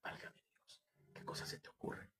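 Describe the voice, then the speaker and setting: A man's voice: normal speed, bright, forceful tone, natural voice. A man voicing an anxious father who exclaims in disbelief. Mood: incredulous. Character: anxious middle-aged father, an engineer, incredulous.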